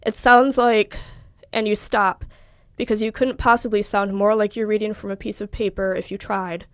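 A woman's voice: medium pitch, no echo. Woman reading literary fiction, dry. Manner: measured, even narration. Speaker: reader.

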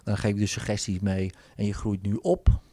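A man's voice: fairly low pitch, normal speed, no echo. A man, a hypnotherapist telling in casual talk how he works, acting out bits of his sessions. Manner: animated storytelling, acting out client dialogues.

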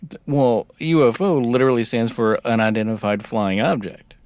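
A man with a mid-pitched voice trading banter on a podcast. He answers with short, wry jokes and sometimes puts on a mock-official voice. The recording is dry and close-miked. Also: normal speed, darkish tone, clean tone, no echo. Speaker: podcast co-host.

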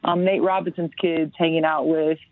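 A woman's voice: sits low, level tone, moderate pace, no echo. A woman joining a sports podcast panel remotely, easygoing and upbeat, with many fillers. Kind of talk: casual sports chat. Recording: tinny phone line.

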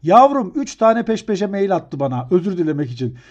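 A man's voice: sits high, sing-song, a little fast, darkish tone, muffled recording. A man chatting casually on a podcast, telling stories as a lecturer and laughing often. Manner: chatty storyteller, laughs often, acts out emails. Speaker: podcast co-host, university lecturer. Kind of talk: casual chat.

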